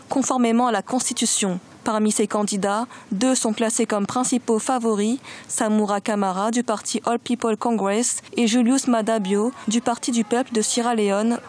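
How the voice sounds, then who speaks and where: Woman doing a news report voice-over, slightly high voice, steady and clear. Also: slight background noise. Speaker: news correspondent.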